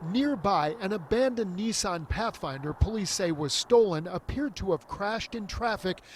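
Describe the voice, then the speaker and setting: A man's voice: sits high, normal speed, slight background noise. Male reporter live from a busy street. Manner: steady, urgent newscaster delivery. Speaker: field reporter. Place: outdoors at a busy street intersection.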